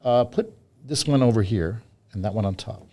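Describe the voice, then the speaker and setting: A man with a fairly low, gravelly voice performs as a kids party magician. He guides a volunteer through a trick with short, practical, hands-on instructions, explaining each step as he goes. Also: lively intonation, moderate pace, mellow, a little hiss or hum. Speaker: children's magician and magic teacher, interview guest.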